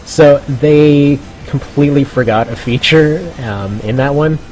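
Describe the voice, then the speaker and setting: A man's voice: fairly high pitch, a little slow, a little mellow, faint music behind. A man giving chatty, casual commentary on a game stream, laughing often.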